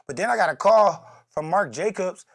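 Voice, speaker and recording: A man co-hosting a casual podcast, talking in a voice pitched a bit high for a man. He jokes around, swears freely and now and then breaks into shouting. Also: expressive, normal speed, gravelly. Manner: loud, joking, profane, swings to shouting. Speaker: podcast co-host.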